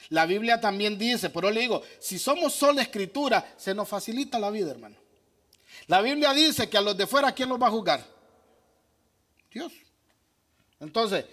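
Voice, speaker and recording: High, bright and forceful, this man's voice carries a sermon in which he responds to questions from the audience. He preaches emphatically as pastor, asking his own questions and supplying the answers.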